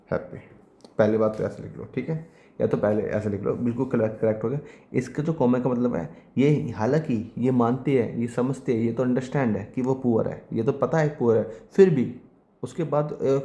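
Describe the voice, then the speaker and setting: Man, grammar teacher, slow dictation of examples, mellow voice, roomy sound. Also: mid-range voice. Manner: explains slowly, repeats example sentences word by word. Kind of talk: exam-prep grammar lesson.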